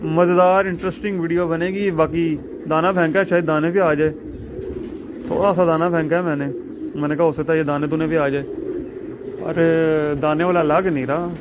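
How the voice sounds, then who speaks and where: A man, chatting excitably in a casual rooftop vlog about his pigeons, often laughing at himself. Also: fairly high pitch, moderate pace, background noise. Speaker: pigeon keeper vlogger. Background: pigeons cooing.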